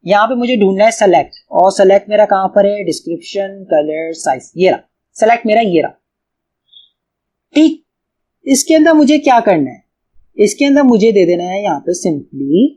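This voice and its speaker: A man's voice: sits high, darkish tone. A man from Pakistan with a Pakistani Urdu accent, casually thinking aloud through a coding tutorial and often calling the viewer brother. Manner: casual, thinks aloud, keeps saying "bhai". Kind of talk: screen-recorded coding tutorial.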